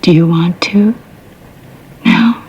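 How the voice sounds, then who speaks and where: An actress playing a firm but concerned police sergeant in a TV drama, questioning softly and bluntly. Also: female voice, lowish voice, slow pace, breathy edge, muffled recording, exaggerated voice. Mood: concerned, probing. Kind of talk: naturalistic TV police drama acting.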